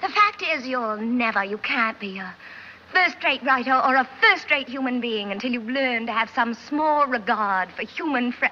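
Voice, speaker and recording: An actress playing a haughty upper-class woman in a 1940s film, with a Mid-Atlantic accent and crisp, precise enunciation. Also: fairly high pitch, animated, normal speed, close to an everyday voice. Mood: indignant. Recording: dull old film soundtrack with hiss.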